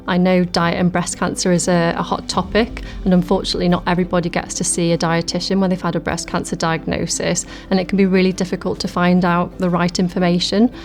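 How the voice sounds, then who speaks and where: Woman dietitian presenting a panel, slightly low pitch, measured and friendly. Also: flat delivery, a little mellow, soft background music. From United Kingdom. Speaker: cancer dietitian. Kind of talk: presenting and introducing a discussion.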